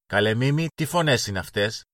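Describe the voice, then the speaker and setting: A man's voice: mid-range voice, lively intonation, a bit bright, dry recording, clean studio sound, close to an everyday voice. A man voicing a strict, bossy older girl in a children's storybook reading, scolding her younger siblings. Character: bossy older girl, stern big sister.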